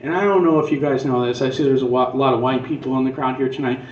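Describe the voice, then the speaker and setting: A man's voice: mid-range voice, fairly even intonation, fast, darkish tone, slight background noise. A man performing stand-up comedy as a profane, conversational and punchy rant. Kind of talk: stand-up comedy monologue, crude casual rant. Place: live comedy venue on stage. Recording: echoey club room, distant dull mic.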